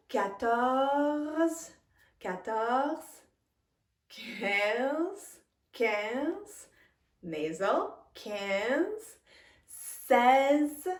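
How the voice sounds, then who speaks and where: A woman teaching a language lesson, speaking patiently, repeating each word and chuckling now and then. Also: fairly high pitch. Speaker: French teacher. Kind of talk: slow, careful language lesson. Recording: roomy echo, a little far from the mic.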